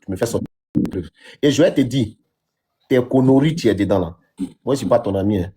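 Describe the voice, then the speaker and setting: Husky male TikTok debater, confrontational and sarcastic. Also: mid-range voice, expressive, brisk, mellow. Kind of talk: heated live-stream argument.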